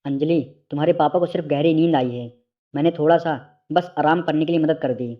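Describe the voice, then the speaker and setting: A man's voice: on the high side, a little fast, highs cut off, lightly acted. A man voicing a menacing middle-aged male family friend who talks in a cold, mocking way, in a storybook reading.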